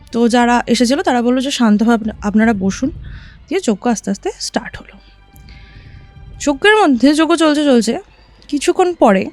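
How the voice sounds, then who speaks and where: In a casual podcast chat, a high-pitched woman vividly and animatedly tells a listener about her own ghost encounter, often checking in with "right?" The recording has no room sound.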